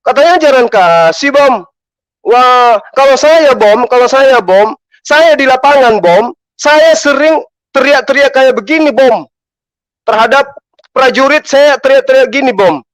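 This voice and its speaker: A man's voice: extremely high pitch, lively intonation, measured pace, dry recording. A man from Toraja, a preacher, giving mocking, emphatic commentary on a live stream. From Toraja, Indonesia. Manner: mocking, emphatic, repeats the name in taunts.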